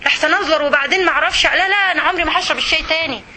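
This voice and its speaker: A woman with an Egyptian accent giving an animated religious talk, acting out everyday scenes as she goes. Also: high voice, very fast, a little hiss or hum, low-quality recording. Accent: Egyptian Arabic. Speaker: religious speaker.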